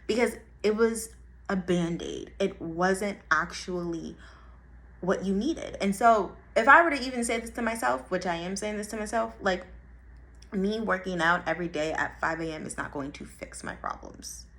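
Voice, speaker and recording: A young woman giving a casual motivational talk in a blunt, profane way, repeating her points and swinging between soft and loud. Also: mid-range voice, big pitch swings, moderate pace, gravelly. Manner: blunt and profane, with emphatic repetition. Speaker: vlogger.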